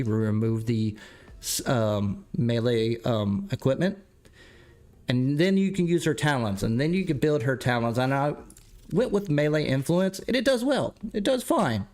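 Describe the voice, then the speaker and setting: A man streaming a game live, stuffed up and clearing his throat, rambling and correcting himself as he chats with viewers. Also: mid-range voice, a little mellow. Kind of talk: casual livestream commentary.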